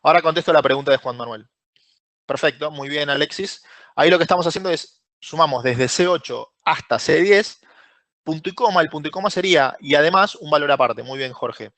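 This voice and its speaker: A man's voice: a little high, brisk, a bit bright, no echo. A man with a Rioplatense Spanish accent teaching a live online spreadsheet class, explaining step by step, quizzing students and praising their answers by name. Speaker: Excel course instructor.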